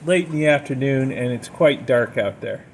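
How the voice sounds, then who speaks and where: A man's voice: medium pitch, lively intonation, moderate pace. A man casually narrating what he sees around his home, as in a homemade vlog. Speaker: homeowner filming a storm vlog. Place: at a house during and after a storm. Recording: handheld recording with background noise.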